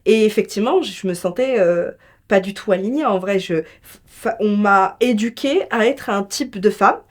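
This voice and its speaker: This interview guest from France works as an entrepreneur and business mentor. Her mid-range voice moves at a normal speed as she chats, recounting personal stories with emphatic, colloquial flair.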